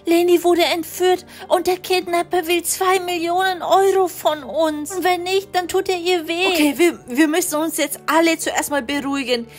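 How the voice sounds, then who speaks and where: A woman with a high voice tells an animated doll-game story and plays every part herself. She moves between emotional character voices with lively, expressive delivery. Soft music plays quietly behind her. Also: normal speed, few pauses. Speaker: storyteller voicing all characters.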